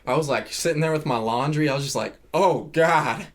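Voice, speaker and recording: A man co-hosting a casual movie podcast, blunt and animated in how he tells his reactions. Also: medium pitch, quick pace. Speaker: podcast co-host. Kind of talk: casual movie review chat.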